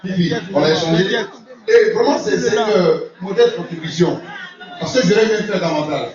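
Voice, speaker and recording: A man with a high voice speaks at a moderate pace as the sponsor at a community gala, laughing jovially and often repeating himself. The recording is roomy, distant and lo-fi, picking up a crowd of guests in the large event hall.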